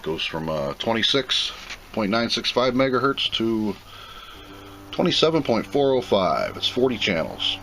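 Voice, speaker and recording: Reviewing a product on video, a man with a fairly low-pitched voice and a sharp tone talks a little slowly but in a very animated way. He gives a loose, plain-spoken unboxing commentary, musing aloud as he goes, over clear background noise.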